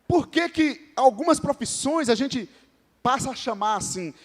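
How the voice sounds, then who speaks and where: High-voiced Brazilian pastor in a reverberant church. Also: male voice, animated, measured pace. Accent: Brazilian Portuguese. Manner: conversational preaching with frequent calls to the congregation; jokes with named members of the congregation. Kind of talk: sermon. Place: church hall.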